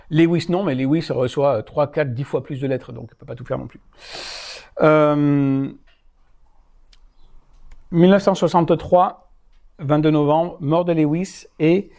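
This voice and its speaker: A man's voice: fairly high pitch, gravelly, dark tone. A man giving a live talk to an audience, speaking with frequent hesitations, fillers and self-corrections. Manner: hesitant, many fillers and restarts. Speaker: lecturer. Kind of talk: live lecture. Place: lecture hall.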